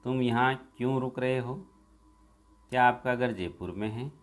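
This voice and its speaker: A male teacher working through a school workbook. He reads each exercise aloud and then gives the answer, slowing down and stressing the jumbled sentences. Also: mid-range voice. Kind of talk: workbook lesson walkthrough.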